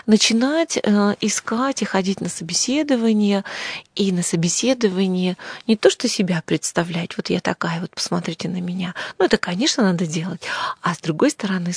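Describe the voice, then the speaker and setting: A woman family psychologist giving advice as a radio guest, animated and acting out questions to the listener. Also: mid-range voice, moderate pace, husky, no echo, clean studio sound.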